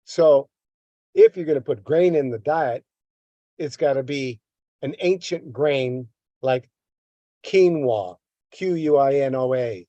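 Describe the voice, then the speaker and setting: The older health educator reads aloud and comments, stumbling, repeating words, and ranting at length about a government agency. He speaks slowly with frequent pauses in a warm, medium-pitched voice; there's no room sound and the audio is dull.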